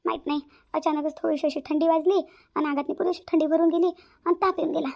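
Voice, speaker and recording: A woman's voice: sits high, steady tone, quick pace, vocal fry, a little mellow. A woman voicing a lazy, scheming young woman who fakes illness in a whiny, drawling voice. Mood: falsely offended.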